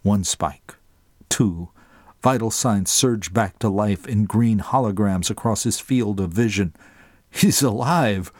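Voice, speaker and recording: A male audiobook narrator with a fairly low voice, reading in a measured pace that slows down on dramatic beats. The recording is close and dry, with no room sound. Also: a little mellow, dry recording.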